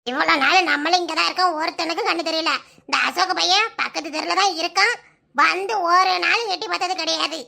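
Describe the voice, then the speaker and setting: A woman's voice: very high voice, a little fast, vocal fry, bright, forceful tone, pitched below the performer's own voice, heavily acted. A woman voicing a fussy, protective older village mother who scolds and nags, with a Kanyakumari Tamil accent. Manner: scolding, nagging.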